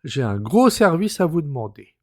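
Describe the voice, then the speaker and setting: A man's voice: on the high side, sing-song, moderate pace, no room sound, clean studio sound, voice pushed up. A man voicing a trembling, pleading young woman. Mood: anxious. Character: anxious, tearful young woman, a cousin.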